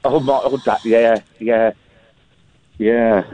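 A man's voice: mid-range voice, steady tone, takes it slowly, mellow, dry recording. A man on a phone line, chatting in a jokey, storytelling way on a phone-in show. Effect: heard over a phone line. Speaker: caller. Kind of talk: casual phone-in chat. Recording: dry, tinny phone line.

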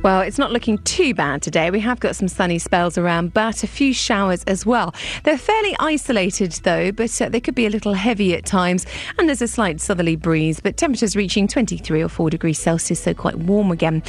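A woman's voice: mid-range voice, a little fast, soft background music. A woman with a British accent giving a conversational radio weather forecast.

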